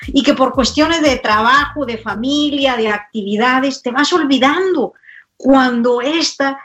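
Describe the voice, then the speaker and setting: A woman's voice: high-pitched, measured pace, a bit bright. A woman doctor, a guest in an interview, speaking thoughtfully with frequent hesitations. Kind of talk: conversational interview.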